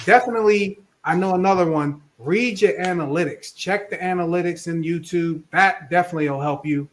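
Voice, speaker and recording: A man's voice: sits high, a little fast, slight background noise. A man, talking casually and animatedly, repeating himself as he makes his points on a video call. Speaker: podcast co-host.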